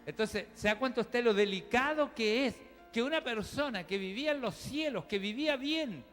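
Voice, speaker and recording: Man, pastor, high-pitched, preaching in a church hall with reverb and faint music. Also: animated, normal speed, a bit bright. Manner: teaching, chatty, addresses the congregation directly. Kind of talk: sermon.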